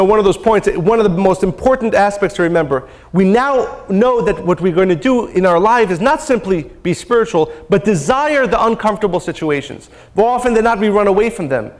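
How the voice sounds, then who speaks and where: A man teaching a spiritual seminar, telling a story and drawing a lesson, earnest and repeating phrases for emphasis. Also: high voice. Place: lecture hall.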